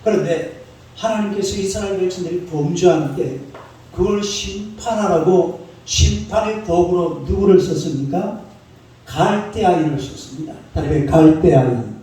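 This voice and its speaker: Man, middle-aged pastor, higher voice, mellow tone, sermon, quizzing the congregation, booming church echo, distant mic. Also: normal speed. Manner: colloquial, asks the congregation questions and answers them himself. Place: church sanctuary.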